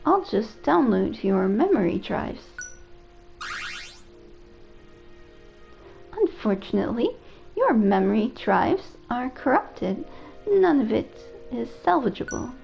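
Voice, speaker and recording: A woman's voice: a little high, big pitch swings, measured pace, creaky, lo-fi sound, soft background music, heavily acted. A woman reading aloud the lines of a polite, worried robot AI caretaker from a video game, in her own plain voice. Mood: concerned.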